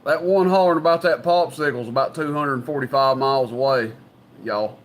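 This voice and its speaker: Here the Southern CB radio operator and livestream host speaks fairly quickly in a mid-range voice, keeping his evening chat casual and folksy. There's a little hiss or hum.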